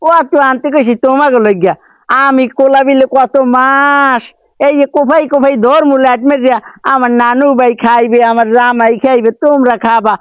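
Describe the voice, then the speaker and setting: A man's voice: extremely high pitch, fairly even intonation, normal speed, clean tone, dry recording. An actor playing a doting, fussy old grandfather in a comic village drama, scolding and fussing. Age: older. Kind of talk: comedic village drama acting. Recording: dull lo-fi audio, faint music.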